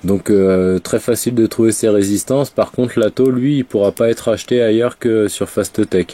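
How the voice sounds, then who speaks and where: This man's voice sits on the low side, with a dark tone and normal speed. He's a congested vape reviewer nursing a cold, chatting loosely through a product review full of fillers and false starts.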